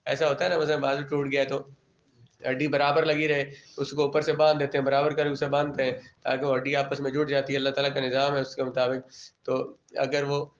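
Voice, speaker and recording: A man's voice: mid-range voice, completely flat delivery. A male teacher from Pakistan giving a classroom lecture. He reads out Arabic terms and explains each one in plain everyday words, often asking the class a question and then answering it himself. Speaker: religious studies teacher. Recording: dull lo-fi classroom recording.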